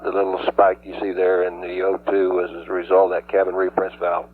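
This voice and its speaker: Deep-voiced man on a muffled radio loop. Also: monotone, brisk, a little hiss or hum. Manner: clipped technical jargon. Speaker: mission control flight controller. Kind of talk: technical radio loop communication. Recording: muffled narrow-band space mission radio loop.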